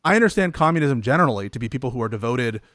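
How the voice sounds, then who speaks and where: A man's voice: medium pitch, lively intonation, very fast, a bit bright, no room sound. Man, debate host, argumentative, interrupting, dead dry audio. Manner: interrupts with repeated "wait", argumentative. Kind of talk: heated online debate.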